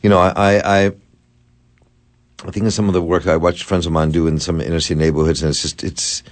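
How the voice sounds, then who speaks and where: Hosting a call-in radio talk show from the studio, this man rambles, restarts his sentences, and repeats words as he works toward his questions. His voice is low and level, and he talks a little fast.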